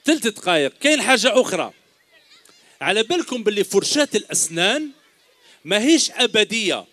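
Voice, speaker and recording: Before a large crowd of children at an outdoor stage, a middle-aged man with an Algerian Arabic accent emcees a kids' show, jokily quizzing and teasing them through a handheld microphone as "my dears." The delivery is brisk and sing-song, high, pushed and bright, with a little hiss or hum.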